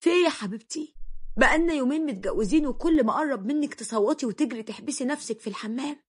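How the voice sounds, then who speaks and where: Woman voicing a young Egyptian husband, anxious, high-pitched read. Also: animated, very fast, slightly rough. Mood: worried.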